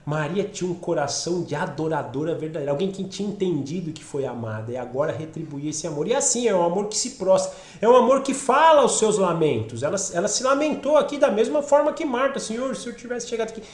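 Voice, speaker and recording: A man with a Brazilian Portuguese accent teaching a Bible study, talking with a cold that leaves his voice a bit rough, often checking in with his listeners. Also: sits high, lively intonation, quick pace, hardly any pauses. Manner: conversational, asks listeners along, frequent "né?". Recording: roomy echo.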